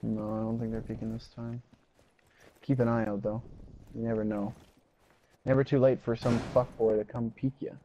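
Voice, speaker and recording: A man's voice: mid-range voice, normal speed, long pauses, slight background noise, rough recording. Young man joking in game chat. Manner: joking, relaxed banter. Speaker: gamer in voice chat. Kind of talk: casual gaming chat.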